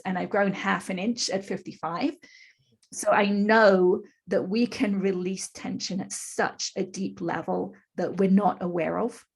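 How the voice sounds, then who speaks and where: Earnest and explanatory, a spiritual teacher in her fifties tells her story as a podcast guest in a conversational interview, speaking in long, flowing stretches. Her voice is medium-pitched, husky, and creaky.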